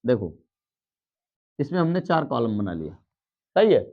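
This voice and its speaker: A man's voice: mid-range voice, very animated, unhurried, dull audio. A man teaching a biology lesson at a board, explaining step by step and checking in with students. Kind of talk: blackboard lesson.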